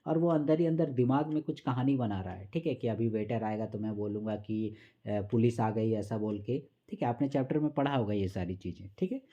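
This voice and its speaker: A man teaching an exam-prep literature lesson, reading lines slowly and then explaining them patiently and repetitively. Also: lowish voice, warm tone, muffled recording. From Jharkhand or Bihar, India.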